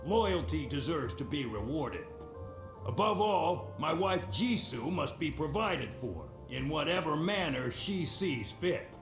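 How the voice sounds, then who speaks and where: An actor playing a proud pirate admiral in a video game, speaking in a solemn, formal, commanding way. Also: male voice, fairly high pitch, big pitch swings, measured pace, roomy sound, over music. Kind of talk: video game character voice-over.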